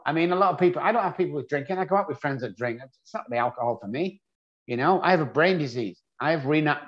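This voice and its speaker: English guy telling his story, blunt and joking at himself, kinda muffled audio. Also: medium pitch. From England. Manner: candid, self-deprecating storyteller. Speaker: guest. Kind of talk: storytelling interview. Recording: dull lo-fi audio.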